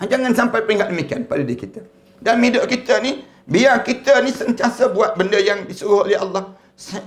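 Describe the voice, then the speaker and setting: High-voiced Malaysian preacher, lively. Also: male voice. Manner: lively storytelling with laughs. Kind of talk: sermon.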